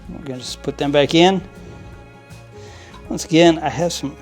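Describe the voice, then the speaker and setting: A man's voice: a little high, moderate pace, faint music behind. A man casually narrating hands-on model train cleaning at his work table, rambling with fillers and little chuckles. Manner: rambling, many fillers and restarts, chuckles often. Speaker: model train hobbyist channel host. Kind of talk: casual how-to narration while working.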